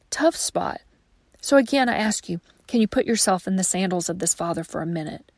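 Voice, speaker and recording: A woman's voice: medium pitch, no echo, studio quality. A woman teaching a devotional Bible study, retelling the story expressively and speaking to the listener directly as a friend. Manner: expressive storytelling, dropping at times to a soft hush.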